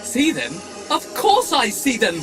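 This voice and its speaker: In an audio drama with music behind him, an actor voices a prissy, scrambled, recklessly giddy humanoid droid in a fussy, theatrical way. His male voice is very high-pitched with huge pitch swings, a little slow, heavily acted, and indignant in mood.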